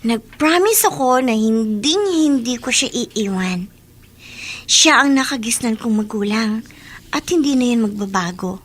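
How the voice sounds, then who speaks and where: An actress in a Filipino radio drama voices a younger-sister schoolgirl who used to be snooty but is now repentant and affectionate. She plays her earnestly and conversationally, in a high, lively voice at an unhurried pace.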